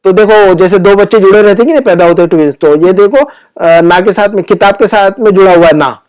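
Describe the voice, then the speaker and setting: A middle-aged male teacher with a fairly high voice gives a classroom grammar lesson. He explains patiently and repeats key terms. He keeps asking quick check-in questions and reads word lists out slowly, one by one. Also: darkish tone. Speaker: Arabic teacher.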